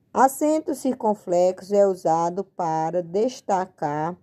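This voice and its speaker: A woman's voice: medium pitch, warm tone. A Brazilian woman teaching a patient spelling lesson at a board, spelling out and stretching words. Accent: Brazilian Portuguese. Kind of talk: slow spoken-out lesson at a board.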